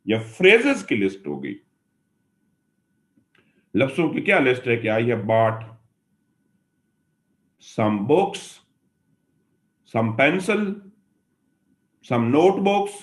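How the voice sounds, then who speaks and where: A man teaching English grammar in a classroom lecture, explaining patiently and repeating his points as he addresses his students. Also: mid-range voice. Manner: mixes Hindi and English mid-sentence.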